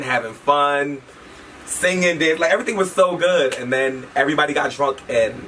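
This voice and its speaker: A man telling a personal story in casual chat, animated and quick to laugh, swearing freely. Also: mid-range voice. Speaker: interviewee telling a shared story. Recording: distant mic with faint background noise.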